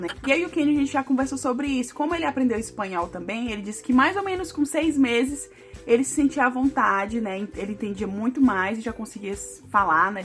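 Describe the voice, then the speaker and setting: A young Brazilian vlogger with a Brazilian Portuguese accent chats casually to camera in a voice on the high side and a bit bright. She's chatty, calls her viewers "gente," and keeps tossing in "né" and "sabe."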